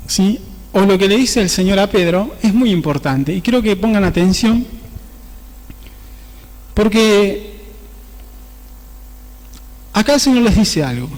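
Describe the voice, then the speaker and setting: High-voiced preacher in a reverberant church. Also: male voice. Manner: conversational preaching, often tagging phrases with a questioning "¿sí?". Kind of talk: sermon.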